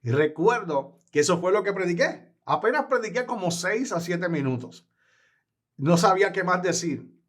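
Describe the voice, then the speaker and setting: A man's voice: sits high, animated, moderate pace. Earnest man testifying. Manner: earnest, emphatic storytelling. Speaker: guest evangelist. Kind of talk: personal testimony.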